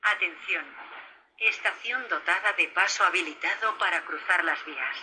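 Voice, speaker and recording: A woman reading a formal recorded safety announcement in a measured, even way, heard over a train PA system. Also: fairly low pitch, noisy background. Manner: measured, formal, evenly paced.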